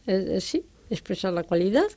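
A woman teaches, patient and didactic, drawing out each example word slowly so it can be copied. Her voice is mellow and soft. The sound is close and dry, as in a quiet studio. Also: medium pitch, very animated, no echo. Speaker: French teacher. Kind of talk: explaining French pronunciation and grammar in Spanish.

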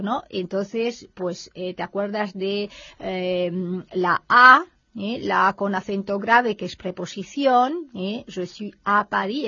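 A woman's voice: medium pitch, a bit bright, husky, dry recording, muffled recording. A woman teaching French spelling and grammar in a conversational lesson. She thinks aloud, uses many fillers and keeps checking in with her listener. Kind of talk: explaining a language lesson in conversation.

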